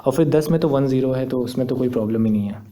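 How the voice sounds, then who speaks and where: A young man with a medium-pitched, dark voice talks fast while teaching through a screen tutorial. Patient and methodical, he walks through each step and goes back over his points.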